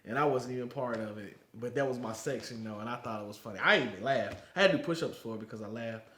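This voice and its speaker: A man who served as a Marine is an interview guest, talking fast in a medium-pitched, pushed and bright voice. He tells stories casually and animatedly, laughing often, and the recording has a roomy echo.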